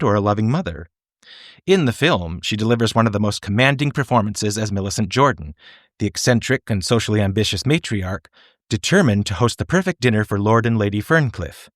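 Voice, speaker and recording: A man with a fairly low voice delivers scripted video-essay narration. His phrasing is polished and measured, with clear articulation. The recording is close and dry, with very little room around the voice. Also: fairly bright tone, no echo. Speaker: film reviewer and narrator.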